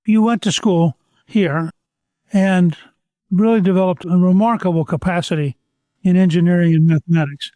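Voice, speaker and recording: Older man hosting an interview, high voice. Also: steady tone, warm tone, dry recording. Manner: measured, complimentary questioning. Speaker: podcast host. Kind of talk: interview talk.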